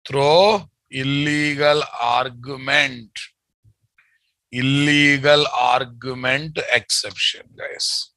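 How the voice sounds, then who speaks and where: A very bright, forceful male voice with a Telugu accent, recorded dry and close. He speaks slowly as an instructor dictating code, repeating phrases and often checking that listeners follow. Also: medium pitch, no echo, low-quality recording. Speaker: programming instructor. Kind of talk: live online coding lesson, dictating code.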